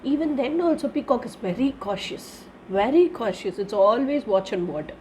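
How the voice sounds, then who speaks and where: A woman's voice: a little high, animated, normal speed, a little mellow, slight background noise. A woman with an Indian accent and a congested, slightly wheezy voice from a cold and sore throat, giving a casual spiritual reading in an instructive, repetitive way. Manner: instructive, repeats phrases with tag 'na'. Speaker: charms card reader giving guidance.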